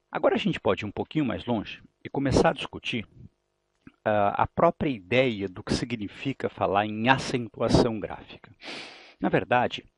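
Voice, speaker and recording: A man with a Brazilian Portuguese accent and a lowish, breathy voice teaches a grammar lesson for exam prep. He explains patiently, repeats key points, and poses rhetorical questions, with no room sound in the recording.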